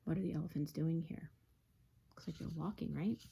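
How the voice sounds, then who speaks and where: Gravelly low-voiced woman reading a storybook. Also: a little fast, highs cut off. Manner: gentle, asks listeners questions, drops to whispers. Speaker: teacher reading to her class. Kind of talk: reading a picture book aloud to children.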